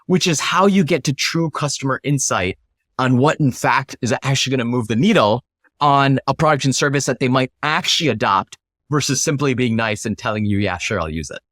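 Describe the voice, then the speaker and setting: Here the startup founder, again an interview guest, speaks at a moderate pace in an expressive, medium-pitched, fairly bright voice. Clean studio sound, no echo. He makes his case emphatically and instructively, acting out example questions along the way.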